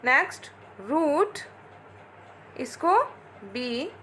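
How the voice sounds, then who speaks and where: A woman's voice: high-pitched, big pitch swings, pushed and bright, a little hiss or hum. A woman teacher giving a lecture, asking questions and answering them herself as she explains. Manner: explains slowly, asks and answers her own questions. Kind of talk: classroom lecture mixing Hindi and English.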